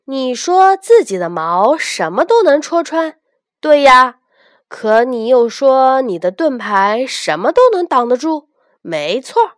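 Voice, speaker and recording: A woman doing a bragging loud street vendor. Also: sits high, big pitch swings, takes it slowly, no room sound, studio quality, full character voice. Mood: flustered. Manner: bragging, salesman's patter. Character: boastful loud male street vendor hawking weapons. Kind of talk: children's storybook reading.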